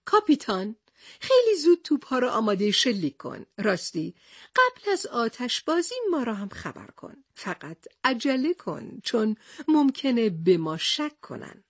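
Tintin, a woman doing a calm young reporter. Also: on the high side, no room sound, clean studio sound. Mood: steady. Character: calm, level-headed young male reporter and leader.

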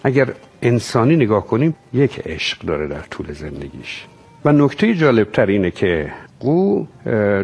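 A man explaining thoughtfully in a relaxed conversation. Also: lowish voice, vocal fry, slightly rough.

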